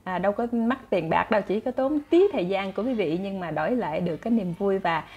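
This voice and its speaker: A woman with a Southern Vietnamese accent, chatty and animated, telling folk stories to her listeners as a channel host. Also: mid-range voice, fast talker, muffled recording. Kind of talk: casual folk storytelling.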